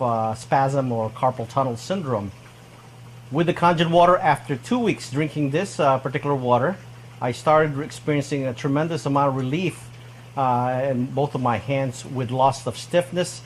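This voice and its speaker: A man's voice: medium pitch, a little hiss or hum. Hesitant man with frequent uhs. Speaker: customer giving a testimonial. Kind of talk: unscripted testimonial.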